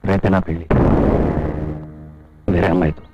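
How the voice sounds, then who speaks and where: An actor playing a jilted young man who speaks quietly, wistful and bitter, in film dialogue. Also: deep voice, little pitch movement, normal speed, loud music behind the voice. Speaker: film character. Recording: dull old film soundtrack.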